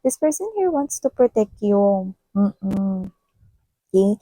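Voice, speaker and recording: Woman tarot reader, mellow and warm, dry close sound, chatty. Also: very animated, slow pace, no echo. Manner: chatty, tags sentences with "no?"; acts out a partner's scolding in a higher voice. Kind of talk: casual tarot reading to viewers.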